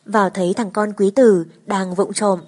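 Woman audiobook narrator, mid-pitched, steady first-person storytelling. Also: normal speed.

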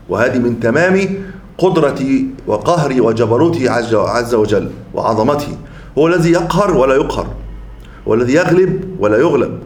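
A man's voice: mid-range voice, slight background noise. Arabic-speaking man lecturing in an echoey room. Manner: repeats and restarts words, explaining term by term. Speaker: Islamic scholar teaching a creed text. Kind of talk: lecture explaining a classical text.

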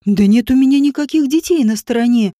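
A woman reading a storybook, voicing an evasive man who protests loudly and indignantly. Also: fairly high pitch, measured pace, dry recording, clean studio sound, natural voice. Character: evasive man, angry, defensive liar.

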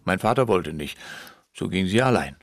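An actor in a radio drama playing a wry man who tells a grim story about his mother in a dry, deadpan way. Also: low-pitched, moderate pace, no room sound.

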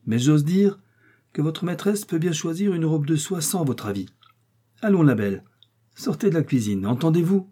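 Un colporteur rusé et costaud, joué par un homme dans un livre audio, à la voix insinuante puis brutale, un peu plus aiguë que celle du narrateur, au timbre sombre et voilé. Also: male voice, on the high side, lively intonation, normal speed, mellow, breathy edge, voice pushed up. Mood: harsh. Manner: wheedling, then bullying. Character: sly burly male peddler, insinuating then harsh.

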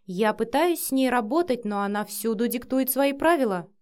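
A woman voicing a cautious middle-aged nanny in an audiobook, speaking in a measured, dry way. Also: fairly high pitch, expressive, a little mellow, lightly acted. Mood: guarded. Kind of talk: audiobook character voice.

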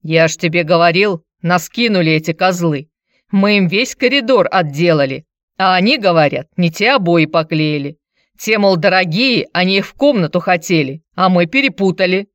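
A woman's voice: on the low side, expressive, normal speed, no room sound, studio quality, natural voice. A woman voicing a broke, hard-drinking man who talks in a grumbling, wheedling, pushy way.

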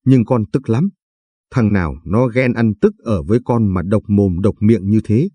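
A man's voice: on the low side, moderate pace, dark tone, husky, no room sound. A man voicing a young son-in-law who protests and flares up indignantly. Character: young son-in-law, defensive and quick to anger.

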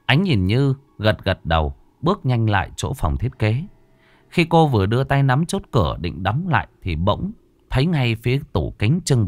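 A man narrating a horror audiobook in an expressive, dramatic way. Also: medium pitch, no room sound.

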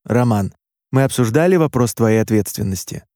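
A man's voice: mid-range voice, expressive, normal speed, mellow, dry recording, studio quality, lightly acted. A man voicing a stern middle-aged father scolding his son.

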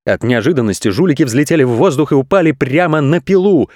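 A man narrating a children's audiobook with expressive, animated storytelling. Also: a little high, quick pace, no echo, studio quality.

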